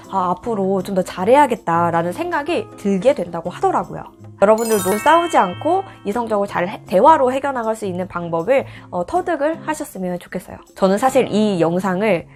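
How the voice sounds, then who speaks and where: A young woman, a corporate service trainer, explaining communication tips in a chatty vlog and acting out example lines. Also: medium pitch.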